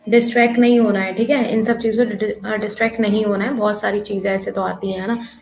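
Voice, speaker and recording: A woman's voice: medium pitch, little pitch movement, fast, gravelly. A woman teaching a live online economics class, chatty and encouraging, often checking that students follow. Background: faint noise from a nearby wedding hall.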